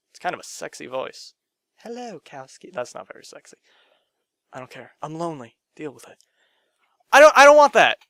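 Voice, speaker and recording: Young man, gaming rant, bright forceful voice, smooth and crisp, dry close sound, loud bursts then mumbled asides. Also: on the high side, dry recording. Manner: swings between loud outbursts and muttered asides, sarcastic, swears often. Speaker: gaming vlogger. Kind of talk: ranting to camera. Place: his own room.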